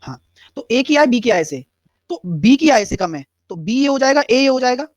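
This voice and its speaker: A man's voice: very high voice, big pitch swings, moderate pace, no echo, dull audio. A man teaching a live online math class, explaining step by step and answering students' chat questions. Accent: Hindi-English mix.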